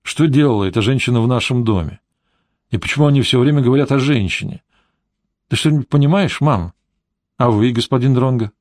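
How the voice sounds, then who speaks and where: Мужчина, озвучивающий встревоженную молодую героиню, умоляющий тон, сухая запись. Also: male voice, mid-range voice, a little fast, darkish tone, no echo, clean studio sound, natural voice. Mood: anxious. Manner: worried, pleading. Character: anxious young woman Nailya.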